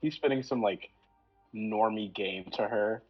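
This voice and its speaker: Low husky man running a tabletop game. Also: dull audio, faint music behind. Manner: casual, filler-heavy narration with quick character voices. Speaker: game master. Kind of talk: narrating a tabletop role-play game.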